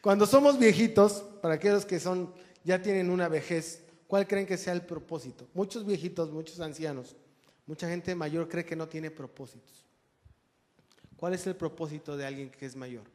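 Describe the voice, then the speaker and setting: A man's voice: fairly high pitch, normal speed, long pauses, darkish tone. A man preaching a conversational sermon, joking with the congregation. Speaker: pastor. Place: church hall. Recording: long church reverb.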